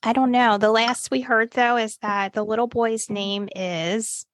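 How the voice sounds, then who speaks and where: A woman's voice: on the high side, steady tone, measured pace, slight background noise. A woman hosting a podcast, opening the episode with upbeat, chatty plugs and banter. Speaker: podcast host. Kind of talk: casual podcast chat.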